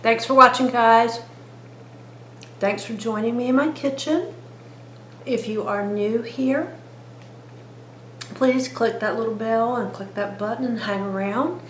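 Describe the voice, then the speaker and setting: A woman talks slowly and warmly to her viewers as she cooks, in a chatty, homey vlog manner. Her voice sits a little high. The kitchen sounds echoey, with a faint hum of room noise behind her. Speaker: cooking vlogger. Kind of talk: casual cooking vlog. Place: home kitchen.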